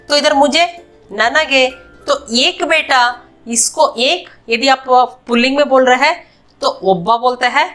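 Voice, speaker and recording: A woman teaching a spoken language lesson, patiently repeating each word pair and slowing down on the key words. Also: sits high, fairly bright tone.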